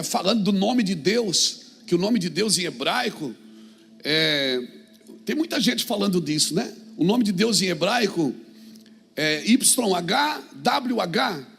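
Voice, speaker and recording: A male pastor, preaching in a very high, gravelly, husky voice. He shifts from calm, explaining talk to fervent shouts and keeps calling out to his congregation. Faint music plays behind him. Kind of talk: sermon.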